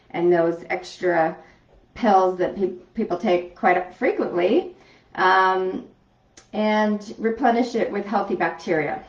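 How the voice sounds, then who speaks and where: A woman talks her way through a home kitchen demonstration in a loose, chatty manner, full of ums and small restarts. Her voice sits at an ordinary middle pitch. The sound is roomy and slightly muffled, as if picked up from a few steps away. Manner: chatty, rambling, frequent ums. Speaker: home cooking vlogger. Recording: echoey room, distant dull mic.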